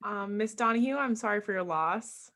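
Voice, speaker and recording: A woman's voice: mid-range voice, normal speed, fairly bright tone, lightly acted. A woman improvising a polite, formal moderator of an online panel, heard over a video call. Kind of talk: improvised comedy role-play.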